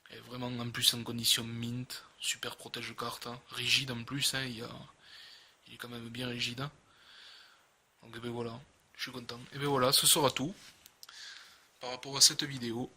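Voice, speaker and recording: Bright-voiced southern French man, slightly husky. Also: medium pitch, little pitch movement. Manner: hesitant, halting, often repeating words. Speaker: host of a card unboxing video. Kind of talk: casual unboxing commentary.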